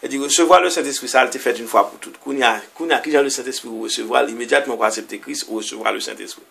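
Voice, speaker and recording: A man with a husky, slightly breathy voice preaches a sermon. His carries an influence. He reads Bible verses aloud and then explains them in loose, halting phrases. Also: mid-range voice, a bit bright. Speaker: pastor. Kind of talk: sermon reading and explaining scripture.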